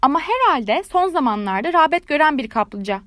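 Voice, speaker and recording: A conceited firework rocket from a storybook, as a woman reading the tale puts it on, high and loud with wounded pride. Every line comes out haughty and indignant, as if no one gives him his due. The voice is close and dry. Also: very animated, brisk, dry recording. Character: conceited, touchy firework rocket, pompous and self-important.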